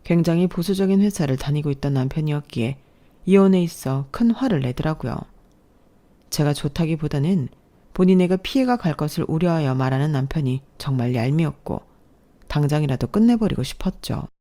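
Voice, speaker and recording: A woman narrating a first-person family story in calm, scripted storytelling. Her voice is low-pitched with a mellow, relaxed tone. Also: a little fast.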